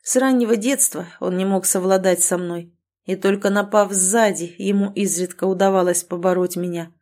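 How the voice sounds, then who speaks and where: A woman voicing a calm, protective male alpha werewolf in an audiobook, speaking quietly and evenly. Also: mid-range voice, moderate pace, close to an everyday voice. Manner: quiet, even and soothing.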